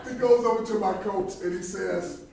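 A man giving an animated sermon at a Bible study, swinging between shouts and quiet passages. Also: sits high, creaky. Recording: echoey hall, distant, faint noise.

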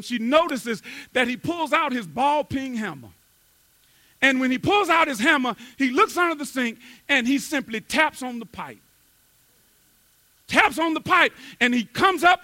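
A man preaching a sermon, telling a story that climbs from quiet talk to shouted emphasis. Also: very high-pitched. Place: church.

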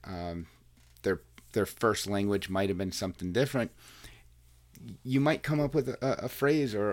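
Here the host, a coach who runs a podcast, has a fairly low, slightly mellow voice. At home in his recording room, he rambles earnestly through a casual conversation with his wife, often starting over mid-thought, using a microphone connected to recording software.

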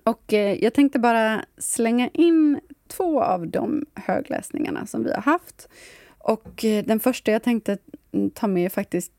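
A woman with a Stockholm accent hosting a podcast, chatting casually and reading aloud with a playful deadpan. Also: fairly high pitch, dry recording, clean studio sound. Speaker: podcast host.

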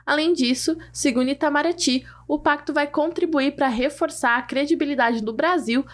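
A woman's voice: high voice, moderate pace. A woman co-hosting a news podcast, reading scripted explanations in a friendly way and talking straight to listeners.

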